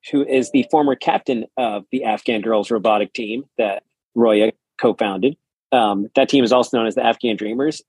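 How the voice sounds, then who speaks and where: A podcast host with a medium-pitched, darkish voice and a breathy edge reads a scripted intro before chatting with his guests. When he speaks off the cuff, he often restarts his words. There's no echo on the recording.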